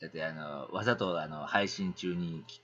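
A middle-aged man with a Kansai accent, chatting on a casual livestream in an animated, rambling, ranting way. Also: deep voice, normal speed, lo-fi sound.

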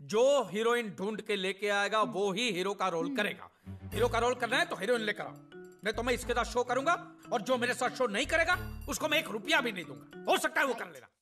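An actor playing a bossy middle-aged theatre owner laying down the rules in a comedy film. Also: male voice, high-pitched, lively intonation, fairly quick, bright, forceful tone, faint music behind.

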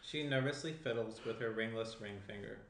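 At a table read in a small indoor room, a man in his thirties reads the stage directions as scripted narration. His voice is lowish and a little fast. The sound is roomy, with faint background noise.

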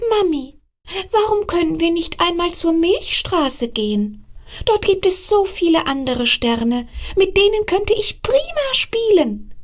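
A woman voicing a lonely little boy star in a storybook tale, in a high pleading child's voice. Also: very animated, unhurried, full character voice. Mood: wistful.

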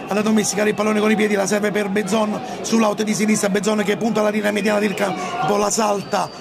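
A man calls a football match live in a high, creaky voice. He gives play-by-play as a radio commentator. A very loud crowd and heavy noise surround him. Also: level tone, fast, music in the background. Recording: very noisy stadium, loud crowd. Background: loud crowd in an open stadium.

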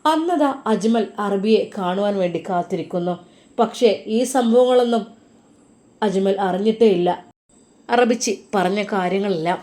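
A woman narrates a dramatic moral story with emotive, earnest storytelling. Her pitch sits in the middle of the usual range for women. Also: normal speed, warm tone.

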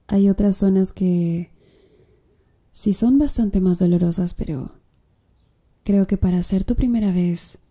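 A woman's ASMR roleplay casts her as a tattoo artist who flirts slowly in a dark, mellow, mid-range voice. Breathy and soft, she confidently teases the client, laughing lightly now and then.

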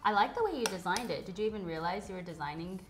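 A woman's voice: mid-range voice, racing. A woman from the United States, a guest cook, chatting casually and gushing about the food. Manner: gushing, chatty, lots of fillers. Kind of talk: casual cooking chat. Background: background music.

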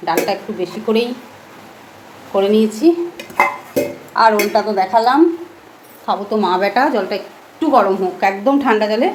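A middle-aged woman chatting casually and softly through a home vlog, talking while she goes about her day with a cold. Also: medium pitch, background noise. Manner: chatty, homely, speaks softly. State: has a cold. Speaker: vlogger. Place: at home indoors.

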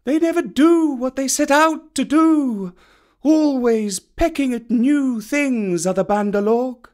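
A man voicing a sharp-eyed old male kite bird that watches the jungle and talks in a wry, chuckling way. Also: extremely high pitch, slow pace, voice pushed up. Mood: amused. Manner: chuckling, knowing.

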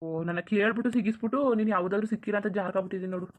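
A woman voicing a young village husband in a cartoon, teasing in rapid banter. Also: medium pitch, steady tone, lo-fi sound, close to an everyday voice. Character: young village husband, joking then fretful. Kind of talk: cartoon voice acting.

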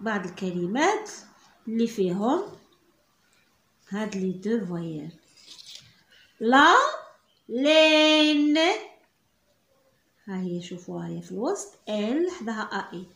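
A woman's voice: mid-range voice, lively intonation, normal speed, creaky, a little mellow. A woman with a Moroccan Arabic accent teaching French reading, drawing out syllables and patiently repeating sounds. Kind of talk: slow spelled-out reading lesson. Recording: echoey room.

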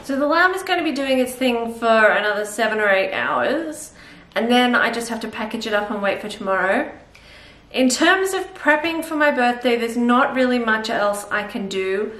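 A fairly bright, higher-pitched voice belongs to an Australian woman in her thirties, chatting in a rambling way while cooking in her home kitchen for a cook-along vlog. She thinks aloud with plenty of fillers. A camera mic a few feet off picks her up distantly, with roomy echo.

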